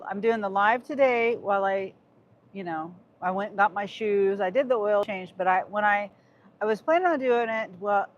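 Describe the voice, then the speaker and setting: A middle-aged woman with a Midwest American accent livestreams from inside her car, chatting and reading viewer comments aloud. She's a gig worker using a phone on a dashboard mount. Her voice is medium-pitched, and the audio is dull with a little hiss or hum.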